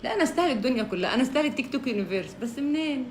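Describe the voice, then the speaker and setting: A woman's voice: on the high side, very animated, racing, slight background noise. A woman with an Egyptian Arabic accent chatting casually on a live stream, reading out viewers' names and teasing them playfully.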